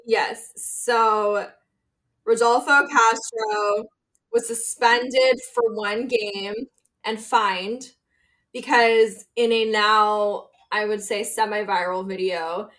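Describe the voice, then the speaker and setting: A woman co-hosting a sports podcast in casual chat, emotional and quick to laugh. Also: mid-range voice, steady tone, fairly bright tone. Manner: emotional, chatty, laughs often. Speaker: podcast co-host.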